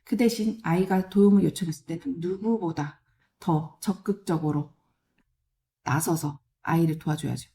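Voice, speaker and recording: A woman's voice: fairly low pitch, normal speed, mellow. A woman giving direct advice to children and parents, firm and caring, speaking in short plain commands.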